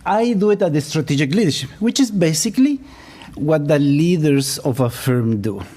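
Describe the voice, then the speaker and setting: His voice sits on the high side, mellow and expressive, at a moderate pace. He is a middle-aged Ecuadorian man, a first-language Spanish speaker with an Ecuadorian accent, giving a public lecture as a business professor. Self-deprecating throughout, he chuckles at his own jokes.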